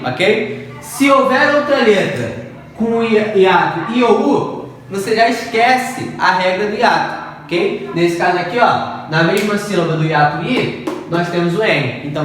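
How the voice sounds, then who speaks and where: A man's voice: high-pitched, lively intonation, unhurried, fairly bright tone. A man teaching a grammar lesson, working through exercises patiently, repeating the rules and checking in with his students often. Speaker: Portuguese teacher. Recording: echoey room, from far off, faint noise.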